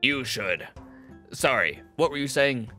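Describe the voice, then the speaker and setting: A man's voice: mid-range voice, lively intonation, measured pace, bright, forceful tone, faint music behind. A man voicing a haughty, insulting male toy lord in a game, sneering and theatrical with a goblin-like voice. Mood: stiff.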